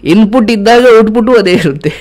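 A man's voice: high-pitched, expressive, quick pace, a little mellow. A man giving spiritual advice as a host, earnest and preachy, ending with blessings. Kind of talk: advice talk.

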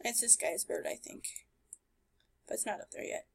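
A woman narrates her game playthrough in a casual, playful, sarcastic way, recorded as a screen-capture voice-over. Her mid-range voice has vocal fry and a slightly rough edge, and she talks at a normal speed.

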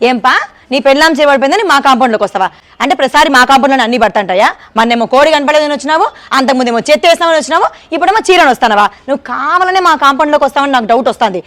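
A woman playing a quarrelsome neighbor in a comedy skit, scolding in a combative, rapid-fire way. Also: high voice, expressive, a bit bright.

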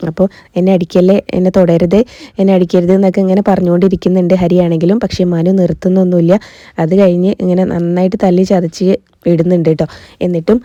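A woman retells a serial episode in a quick, chatty patter. Her voice is dark and mellow, sits fairly low and stays flat in pitch, and the recording is dry and close. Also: no room sound, lo-fi sound. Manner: quick, chatty retelling with frequent "ട്ടോ" tags. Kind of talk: casual spoken recap.

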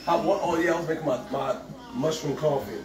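A man cooking in a home kitchen, talking in a relaxed, conversational way. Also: a little high, quick pace, over a noisy crowd. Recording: echoey, from across the room.

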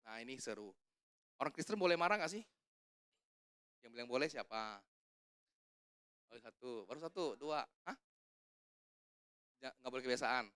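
A man's voice: medium pitch, expressive, moderate pace, pauses often, pushed and bright, clear, resonant tone, dry recording, clean studio sound. A man preaching a conversational sermon at a church service, casual and joking, putting questions to the congregation. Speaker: evangelist preaching.

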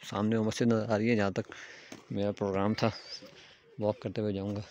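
A man's voice: lowish voice, little pitch movement, a little mellow, muffled recording. Young man vlogging outdoors on a walk. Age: young adult. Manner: explains step by step, frequent filler pauses. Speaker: travel vlogger. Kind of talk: casual walking vlog narration. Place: outdoors on a hillside village road. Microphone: phone camera held at arm's length. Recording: faint outdoor ambient noise.

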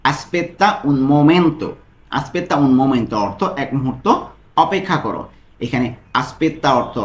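A man teaching a language lesson, saying each phrase slowly and then repeating it, explaining it word by word. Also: fairly high pitch, roomy sound. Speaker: language tutor.

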